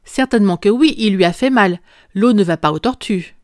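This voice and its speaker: A woman's voice: mid-range voice, lively intonation, normal speed, dry recording, studio quality, lightly acted. A woman reading an audiobook voices a blunt, plain-spoken gardener. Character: old gardener, blunt and matter-of-fact.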